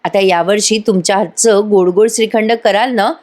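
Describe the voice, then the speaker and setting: A woman's voice: mid-range voice, fairly even intonation, moderate pace, a little mellow, natural voice. A woman voicing a jovial, eager young husband in a spoken recap of a TV serial.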